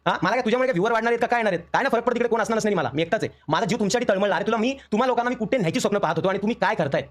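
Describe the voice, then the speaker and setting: Fast, high, aggrieved man. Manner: emotional, aggrieved, rapid storytelling. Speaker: streamer. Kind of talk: heated live-stream rant.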